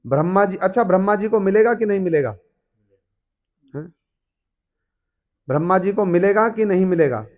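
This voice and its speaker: A man's voice: high-pitched, animated, normal speed, pauses often, a little mellow. A man preaching a devotional storytelling sermon, often asking his listeners rhetorical questions and briefly voicing the characters. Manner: asks the audience rhetorical questions, acts out characters.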